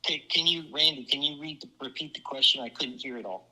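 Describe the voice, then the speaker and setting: A man on a speakerphone answering a board's questions, halting and asking them to repeat things. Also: a little high, pushed and bright, low-quality recording. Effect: heard over a speakerphone. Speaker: engineering consultant on a call.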